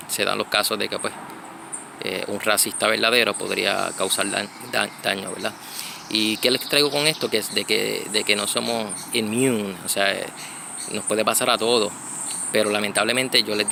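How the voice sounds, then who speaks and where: A man from Connecticut, giving a casual spoken church reflection, halting and full of fillers and restarts, recorded outdoors. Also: fairly low pitch, gravelly, noisy background. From United States (Connecticut).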